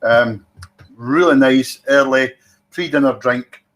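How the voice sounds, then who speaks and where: A man's voice: mid-range voice, takes it slowly, fairly bright tone. A Scottish man hosting a whisky tasting, talking in a chatty, teasing way and savouring his descriptions. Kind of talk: casual tasting commentary.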